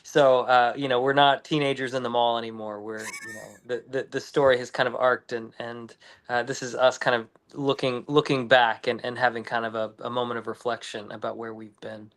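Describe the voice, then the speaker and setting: A man, a musician guest in an interview, speaking reflectively with halting starts. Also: mid-range voice, little pitch movement, fairly bright tone. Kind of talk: casual interview chat.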